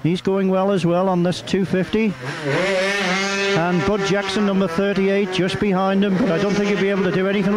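A man with a high-pitched voice is commentating live on the radio. He follows a motorcycle race as it unfolds. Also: very noisy.

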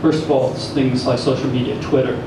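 A middle-aged audience member making an assertive, argumentative comment into a handheld mic. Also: male voice, medium pitch, flat delivery, fairly quick. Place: small cafe gallery with audience. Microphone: handheld mic, far camera. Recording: echoey room from far off, noisy.

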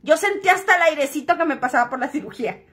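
A woman talks straight to camera in a high voice. She tells her story frankly and swears freely. She jokes her way through it. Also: lively intonation, rapid-fire, fairly bright tone. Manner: joking, frank and crude-spoken. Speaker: vlogger.

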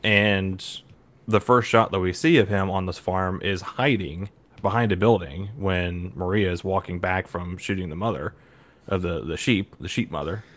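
A man's voice: deep voice, moderate pace, fairly bright tone. A man co-hosting a casual movie review chat, retelling scenes with his own acted-out thoughts and lots of fillers. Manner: many fillers, "right?" tags. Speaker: podcast co-host.

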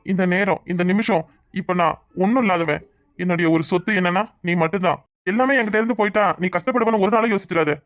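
A man plays a proud, loving cartoon husband who speechifies about hard work and his wife. His voice is high for a man and quick, recorded dry and close. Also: a bit bright, dry recording. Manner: earnest, speechifying. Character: proud devoted young husband, brave about being broke.

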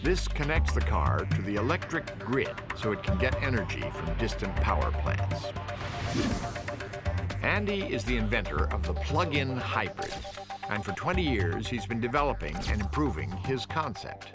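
Male doc narrator, deeper voice, expressive, measured and informative. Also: over loud music. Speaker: documentary narrator. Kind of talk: scripted narration.

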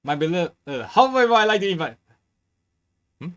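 A reaction host with a very lively, mid-pitched voice. The delivery is casual and halting, with repeated words and frequent chuckles as they comment live.

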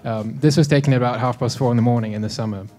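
A man in his twenties from South Africa tells a relaxed, self-deprecating story to an audience, often pausing on "um", speaking into a handheld microphone in a dim hall. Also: medium pitch, soft background music. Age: 20s. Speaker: speaker at a live talk event. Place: dim lecture hall with a projector screen.

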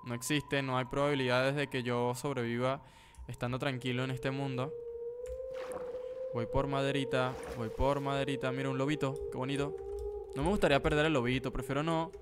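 A man's voice: medium pitch, flat delivery, fairly quick, noisy background. A young man giving horror gameplay commentary from home on a desk mic, chatty and prone to sudden yelps and slangy exclamations. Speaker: gaming video creator. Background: game music.

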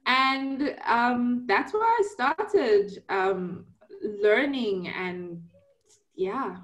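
A woman's voice: on the high side, animated, very slow, a bit bright. A South African woman in her thirties telling her story as a guest on a video call, giggly and easygoing, from a small room on a laptop mic. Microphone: laptop webcam on video call.

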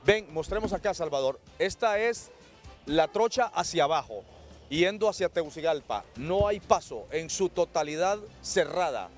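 High-voiced Honduran male field reporter. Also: animated, normal speed, faint music behind. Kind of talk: live street reporting and interviewing. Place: outdoors on a street. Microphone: handheld microphone.

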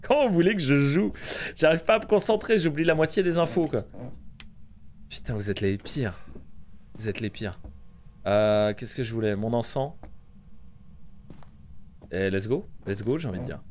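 A man in his thirties doing casual live horror-game commentary as a streamer, excitable and jumpy, swearing freely. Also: normal speed, long pauses, a little hiss or hum. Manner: excitable, jumpy, swearing, bursting into high shouts. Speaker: video game livestreamer. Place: indoors at a home streaming setup.

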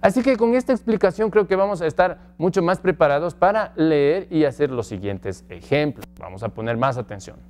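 A man teaching English grammar from slides, slowly stretching out example phrases and asking the class questions. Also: a little high, animated, darkish tone. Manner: slow, drawn-out model phrases in English. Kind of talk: slide-based grammar lesson.

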